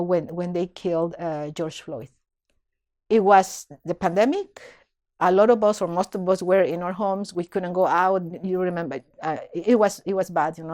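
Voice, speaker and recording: A middle-aged woman, a community leader and dance teacher appearing as a podcast guest, speaks earnestly and with emotion, reflecting through stories and often restarting her phrases. Her voice is medium pitch and a little mellow.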